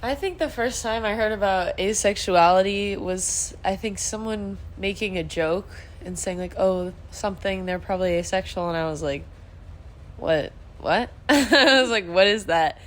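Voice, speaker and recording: A woman's voice: medium pitch, normal speed, a little hiss or hum. A woman in her twenties, a podcast guest, telling stories animatedly with laughs. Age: 20s. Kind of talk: casual chat.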